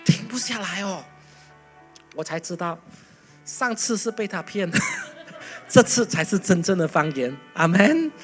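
A pastor giving a lively sermon full of acted stories, breaking into loud bursts. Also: medium pitch, unhurried, faint music behind. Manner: animated, loud bursts, mimics chanting.

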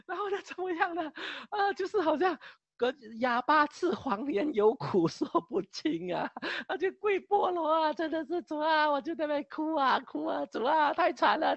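A high-voiced woman preaching and telling her own testimony, animated and dramatic, breaking into laughter and mock wails. Her voice sits close and dry, with no room sound. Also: no room sound, lo-fi sound. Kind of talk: sermon testimony.

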